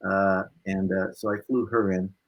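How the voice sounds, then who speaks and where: A low-pitched male voice at a moderate pace comes through a muffled recording. The speaker, a blues musician appearing as an interview guest, casually shares animated personal stories, acting out dialogue and ending phrases with "right?".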